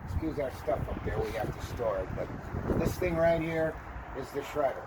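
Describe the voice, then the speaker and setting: Loud outdoor vehicle noise surrounds an American man with a mid-pitched voice. He narrates a casual walk-around video in a folksy way, with joking asides, like a truck driver showing someone his working day. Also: animated, moderate pace. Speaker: truck driver filming a vlog. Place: outdoors in a parking lot by a truck.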